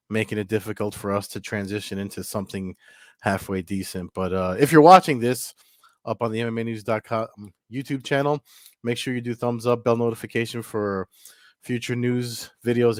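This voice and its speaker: A lowish-voiced man hosts a casual MMA news video, talking solo to the camera while slightly congested as he gets over a cold. He rambles with lots of fillers and restarts. The camera mic gives a clean studio sound with no echo.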